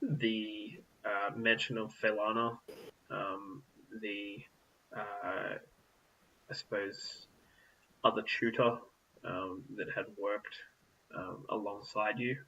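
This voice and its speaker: Slow, rambling game master, a man. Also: on the low side, little pitch movement, bright, forceful tone, dull audio, a little hiss or hum. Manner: meandering, full of "like" and "um". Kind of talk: narrating a tabletop game.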